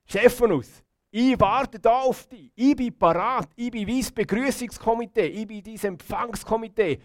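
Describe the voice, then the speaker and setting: A man's voice: high voice, moderate pace, no room sound, close to an everyday voice. A man voicing an eager, welcoming Jesus. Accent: Swiss German. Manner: emphatic, repeating himself, raised and louder. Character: Jesus welcoming a martyr into heaven, eager, loving.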